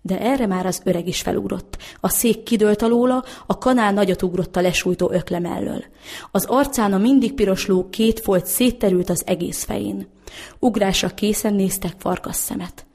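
A woman narrating a story in a steady, expressive reading voice. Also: mid-range voice.

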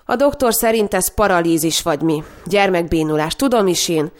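A woman's voice: lowish voice, expressive, natural voice. A woman reading the lines of a bitter, blunt brother who speaks in a harsh, curt way.

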